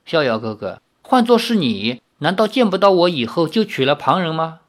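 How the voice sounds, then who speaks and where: A man's voice: a little high, sing-song, normal speed. Guy reading, doing a sweet playful young girl's voice, lilting and teasing, bouncing up and down a lot. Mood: earnest. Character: sweet playful young woman, devoted and fierce.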